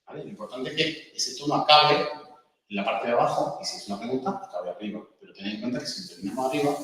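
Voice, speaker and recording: A man gives a lecture on using the voice, pausing to check in with his audience. He is heard from a distance in a room with heavy echo and a long reverb tail. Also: lively intonation, bright, forceful tone. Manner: explanatory, demonstrates pitch exercises aloud, frequent "¿vale?". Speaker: communication workshop instructor. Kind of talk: lecture with vocal demonstrations. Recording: echoey room, voice from far off.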